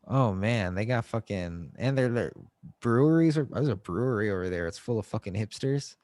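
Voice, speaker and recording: A man co-hosting a podcast in casual joking chat, swearing often and breaking into loud mock outbursts. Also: lowish voice, lively intonation, normal speed, no echo. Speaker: podcast co-host.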